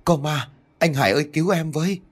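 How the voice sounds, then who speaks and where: Một phụ nữ trẻ đau khổ, sợ hãi van xin qua giọng giả của một người kể chuyện nam, the thé và dồn dập, thoảng nhạc nền. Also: male voice, fast, slightly rough. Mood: terrified. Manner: high, pleading cries. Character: desperate young wife, frightened and pleading.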